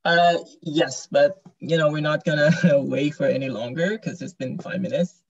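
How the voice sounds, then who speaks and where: A man's voice: fairly high pitch, fairly even intonation, normal speed, gravelly, slightly rough, highs cut off. A man from student services co-hosting a webinar over a video call, speaking in casual, brief replies.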